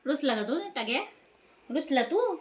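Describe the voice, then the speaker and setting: A woman's voice: sits high, big pitch swings, normal speed, a crowd in the background. An older woman grumbles at the family cat. Her complaints are scolding and often muttered half under her breath. It sounds like a casual home video.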